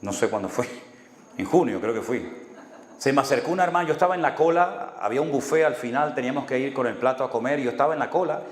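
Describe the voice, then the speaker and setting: A man's voice: mid-range voice, lively intonation, fast, slight background noise. A man from preaching a sermon as a pastor, telling stories and acting out dialogue with dry humor. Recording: echoey hall with long reverb.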